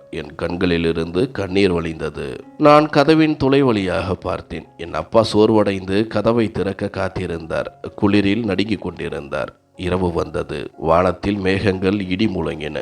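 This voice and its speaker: A male storyteller reads a scripted first-person family drama in an earnest, dramatic way. His voice sits very low and has a rough, creaky grain.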